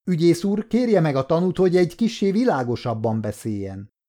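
A man's voice: a little high, animated, mellow, voice pushed up, close to an everyday voice. A man voicing a firm, dryly humorous male judge presiding over a trial in an audiobook story. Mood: stern. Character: stern but dry-witted male judge.

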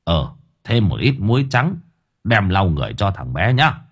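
Man doing a deep stern exorcist, grave, husky, instructive. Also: sing-song, moderate pace, full character voice. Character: stern middle-aged village exorcist.

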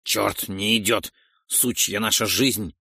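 A man voicing a gruff male arena fighter who curses freely. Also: on the low side, normal speed, fairly bright tone, no room sound, studio quality, pitched below the performer's own voice. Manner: gruff, swearing. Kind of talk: audiobook reading.

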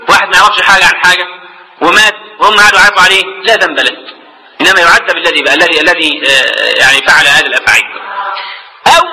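A quick-talking Egyptian sheikh delivers a religious lecture in a high, sharply bright voice. He breaks into colloquial asides and repeats words while searching for them. A long reverb trails his voice through the hall. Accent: Egyptian Arabic. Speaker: sheikh teaching jurisprudence.

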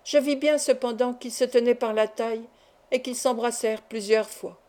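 Woman, audiobook narrator, fairly high voice, mellow tone, measured storytelling. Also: fairly even intonation. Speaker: audiobook reader. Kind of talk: scripted narration of a classic short story.

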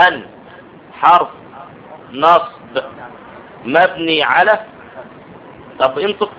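A man teaching grammar in a classroom lesson, explaining step by step and often checking that his students follow. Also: a little high. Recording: dull lo-fi audio with faint noise.

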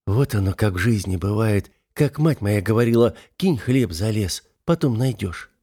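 A man voicing an older peasant woman, speaking softly and heartfelt, in an audiobook. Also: lowish voice, expressive, moderate pace, slightly rough. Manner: soft, heartfelt. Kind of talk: audiobook character voice.

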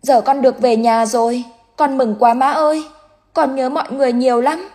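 A woman's voice: steady tone, moderate pace, mellow, natural voice. A woman voicing the frightened, tearful spirit of a dead young boy in a spoken ghost story. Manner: high, tearful and pleading.

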